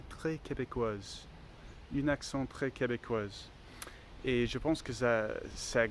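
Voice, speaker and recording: Walking outdoors with his phone in hand, a man whose native language is English records a casual vlog in slow learner French, pausing with fillers and starting over often. He has a mid-range voice, and the recording picks up faint street ambience and passing cars.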